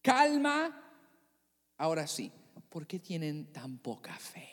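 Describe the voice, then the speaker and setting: A preacher voicing a calm master who quiets frightened followers, speaking low and half whispered, with long hall reverb. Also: takes it slowly. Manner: hushed, low, part whispered.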